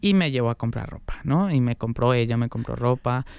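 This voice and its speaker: A man's voice: mid-range voice, a little fast, vocal fry, a little mellow, smooth. A young man with a Mexican accent, an interview guest candidly telling a personal story in casual talk, laughing often and using slang.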